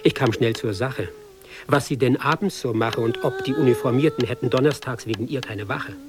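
A man's voice: medium pitch, a little fast, natural voice. An actor playing a hapless young army recruit, reciting his tale in ironic, sing-song rhyme for a radio play. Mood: sardonic.

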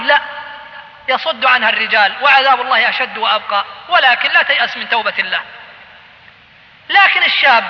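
A man preaching a sermon, admonishing and telling cautionary stories with passion. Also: very high voice. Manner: impassioned, admonishing storytelling. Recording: lo-fi recording in a reverberant hall.

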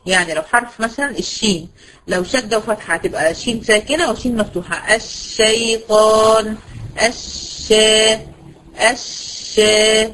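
A woman with an Egyptian accent teaching a tajweed lesson, quizzing her students and answering her own questions, and slowing down to draw out example words. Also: mid-range voice, a bit bright, a little hiss or hum, rough recording. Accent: Egyptian Arabic. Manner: brisk, asks students questions and answers them herself; slows to stretch out example words. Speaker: Quran recitation teacher.

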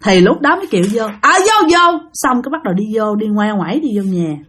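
Animated woman storyteller. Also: medium pitch, fast talker, slightly rough. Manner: animated, addressing listeners. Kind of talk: casual spooky storytelling.

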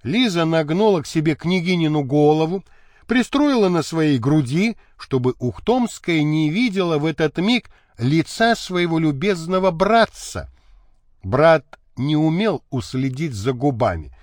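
A man narrating a historical novel as an audiobook, measured and expressive. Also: a little high, no room sound, studio quality.

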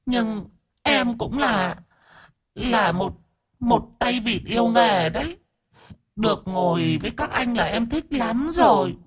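A man voicing a camp, sharp-tongued bald male ghost in a breathy falsetto, whiny and pleading. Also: animated, slow pace, full character voice. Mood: whiny lament.

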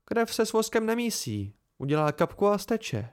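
A man voicing a quiet, careful young woman who speaks in a matter-of-fact way. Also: medium pitch, very animated, voice pushed up, natural voice.

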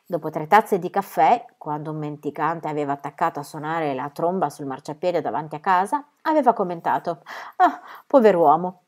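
A woman narrating a novel as an audiobook reader, with a measured, expressive delivery. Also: low-pitched. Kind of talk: scripted literary narration.

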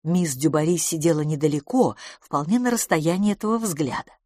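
A woman reading an audiobook as narrator, with measured, even storytelling. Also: sits low, no room sound, studio quality. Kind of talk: scripted narration.

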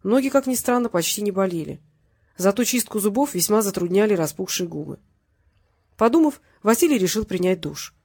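A woman's voice: mid-range voice, animated, a little fast, darkish tone, slightly rough. Woman narrating an audiobook. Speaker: audiobook reader.

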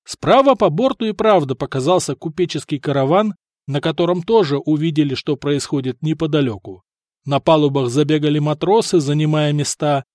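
A man's voice: fairly high pitch, fairly quick, a little mellow, no echo, studio quality. Man narrating an adventure audiobook. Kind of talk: scripted narration.

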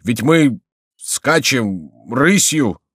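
A man's voice: mid-range voice, expressive, drawn-out words, a bit bright, husky, no echo, studio quality, voice pushed up, full character voice. A man voicing a cowardly monk who whines and complains, out of breath. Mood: panicked whining. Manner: whining, complaining. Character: plaintive, cowardly monk on a donkey.

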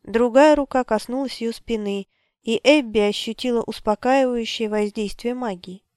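A woman narrating an audiobook in an even, storytelling read. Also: on the high side, normal speed, clean tone, no echo, studio quality. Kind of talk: scripted narration.

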